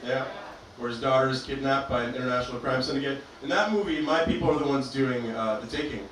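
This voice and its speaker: A man's voice: medium pitch, fast talker, heavy background noise. Dry echoey stand-up man, distant mic. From Albania. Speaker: stand-up comedian. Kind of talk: stand-up comedy set. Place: comedy club stage, performing to a live audience.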